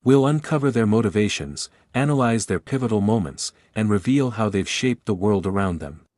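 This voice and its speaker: Guy doing scripted video narration, lowish voice, really dry recording. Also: animated, normal speed, a little mellow, dry recording.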